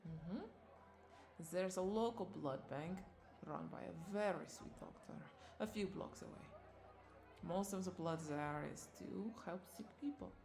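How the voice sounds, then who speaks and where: In a roleplay audio drama, a woman voices a flirty, doting vampire bartender, speaking to the listener in a lowish voice at a measured pace with some vocal fry. She coaxes affectionately, lingers over words and lets out soft chuckles, and the mood is soothing and attentive.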